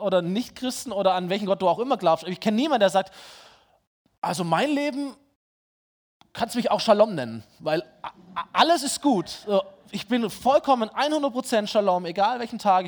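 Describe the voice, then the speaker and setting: A man preaching a sermon in a conversational way, speaking directly to his listeners and asking them rhetorical questions. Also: sits high.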